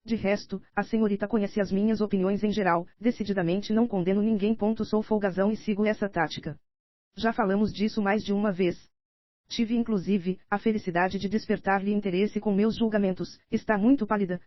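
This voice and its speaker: A woman's voice: mid-range voice, fairly even intonation, brisk, no room sound, natural voice. A Brazilian woman voicing a scheming older nobleman in an audiobook, read steadily in her own voice, slightly dull and dry. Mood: pleading, insistent. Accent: Brazilian Portuguese.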